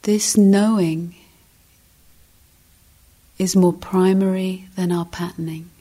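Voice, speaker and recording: This meditation teacher is a woman whose voice sits on the low side and stays steady in tone. She gives guided instruction gently and deliberately, pausing at length between short phrases.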